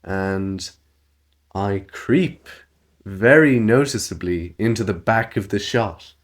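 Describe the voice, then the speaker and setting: A man co-hosting a podcast in casual chat, laughing often and slipping into silly falsetto voices when quoting. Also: slow pace. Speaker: podcast co-host.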